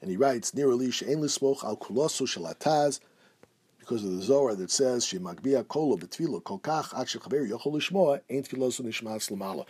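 Fast-talking husky man teaching halacha. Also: medium pitch, animated, darkish tone. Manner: reads Hebrew and Aramaic quotes, then explains in English. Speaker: Torah teacher. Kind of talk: halacha class, reading and translating texts.

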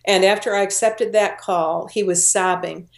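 A woman's voice: mid-range voice, fairly even intonation, moderate pace, creaky. Earnest middle-aged woman in a roomy room. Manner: earnest storytelling, voices the people she quotes. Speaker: guest. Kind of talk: personal testimony in an interview. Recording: roomy echo.

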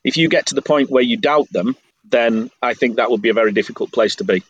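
A middle-aged English man talking candidly as an interview guest, measured and self-deprecating. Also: medium pitch, breathy edge, no room sound, highs cut off. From England. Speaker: guest, business owner abroad. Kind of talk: interview conversation.

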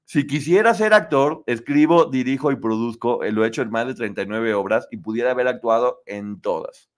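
A man's voice: medium pitch, a little fast. A chatty man with a Mexican Spanish accent hosts a live stream. He talks straight to his viewers, reads their comments aloud and laughs often. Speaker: host.

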